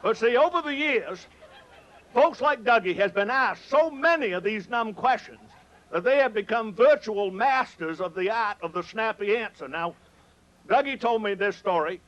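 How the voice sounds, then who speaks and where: Male stage humorist with a Maine accent: high voice, folksy and teasing yarn-spinner, slightly muffled sound. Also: expressive, moderate pace, fairly bright tone. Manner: folksy, rustic dialect, teasing the audience. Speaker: humorist telling stories on stage. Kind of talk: live comic storytelling. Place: on stage before an audience.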